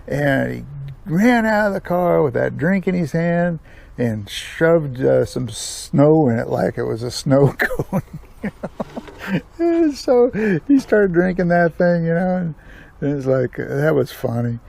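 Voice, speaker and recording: Telling stories from his past at a slow pace, this older American vlog host, 60 or older, has a fairly high, animated voice with vocal fry and a slightly mellow quality. His delivery is casual and rambling, folksy and full of chuckling asides.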